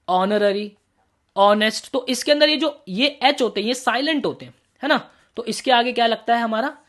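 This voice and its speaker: A man's voice: very high-pitched, fairly bright tone. A man teaching an exam-prep class online, mixing in English terms and often asking students whether they follow, calling them brother and kids.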